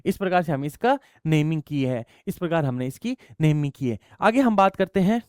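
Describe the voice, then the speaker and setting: High-voiced man teaching chemistry. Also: animated, moderate pace, clean tone, no room sound, studio quality. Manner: explains step by step, asks students questions and answers them himself; addresses students affectionately as child. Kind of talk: classroom lecture.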